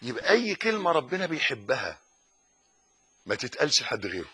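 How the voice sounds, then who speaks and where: A man with an Egyptian Arabic accent giving a religious lesson, moving between loud emphatic insistence and soft, slow, murmured recitation. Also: medium pitch, sing-song, slightly rough. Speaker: religious teacher.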